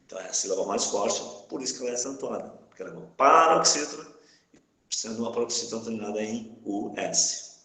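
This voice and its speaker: A man's voice: fairly low pitch, animated, quick pace, sharp tone. A man teaching a live class, who checks in with his students again and again. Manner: checks in often with the class, asking "tá?". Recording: echoey room.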